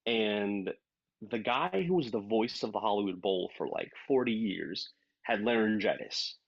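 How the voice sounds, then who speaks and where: Male voice actor guest, lively storyteller, low voice, muffled dry line. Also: gravelly, no echo. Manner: animated, acts out quoted dialogue. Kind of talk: casual interview storytelling. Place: based in Los Angeles.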